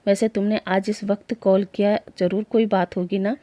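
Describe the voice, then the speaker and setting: A woman's voice: mid-range voice, little pitch movement, normal speed, mellow, lightly acted. A woman voicing a possessive, bossy rich young man in a story she narrates. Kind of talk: storytelling voice acting.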